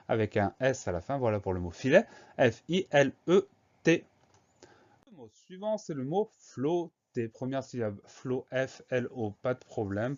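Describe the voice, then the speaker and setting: A man's voice: mid-range voice, dark tone, lo-fi sound. A man teaching a spelling lesson, patiently spelling words out letter by letter.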